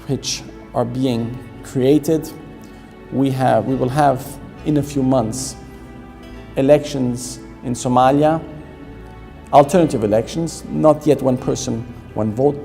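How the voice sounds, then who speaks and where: A man's voice: mid-range voice, creaky, warm tone. A man speaking as a diplomat in an unscripted interview, in short, choppy phrases. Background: faint background music.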